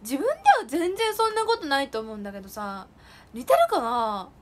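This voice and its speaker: A woman's voice: high-pitched, animated, brisk, a little hiss or hum. A young woman chatting casually with viewers on a solo livestream, bubbly and giggly, indoors while heavy rain falls outside. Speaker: idol livestream host. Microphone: phone or streaming mic.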